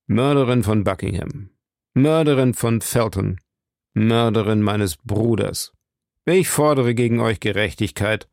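A stern lord levels his accusations in a low, gravelly voice, as a man reads him. The sound is close and dry, like a storybook reading. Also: a little slow, a little mellow, no room sound. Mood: accusing.

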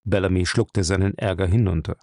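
A man's voice: low voice, fairly even intonation, brisk, a little mellow, no echo, clean studio sound. A man reading a crime novel aloud, narrating expressively. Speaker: audiobook reader.

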